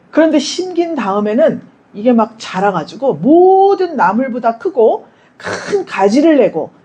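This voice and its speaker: A woman's voice: on the high side, dark tone, rough recording. A woman pastor giving a Sunday sermon in a church. She talks to the congregation conversationally, asks them questions and acts out quoted prayers and dialogue.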